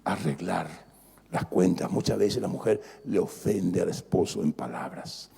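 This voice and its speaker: A male pastor preaching an animated sermon, joking with the congregation and repeating phrases for emphasis. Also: low voice, a little slow, gravelly, slightly rough. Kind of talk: lively sermon. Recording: long reverb of a large church hall.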